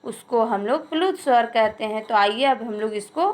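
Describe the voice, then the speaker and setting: A woman's voice: on the high side, normal speed, darkish tone. A woman teacher giving a recorded grammar lesson, explaining step by step, asking and answering her own questions and drawing out example sounds.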